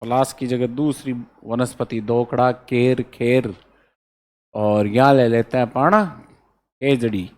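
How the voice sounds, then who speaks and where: Drilling memory codes letter by letter, this exam-prep teacher lectures slowly in a steady, darkish voice of medium pitch. Again and again he stops to check on the students and repeat what matters most.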